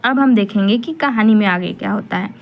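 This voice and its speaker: A woman teacher retelling a folk tale for an exam-prep lesson, explaining slowly, asking questions and checking the students follow. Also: medium pitch, vocal fry, highs cut off.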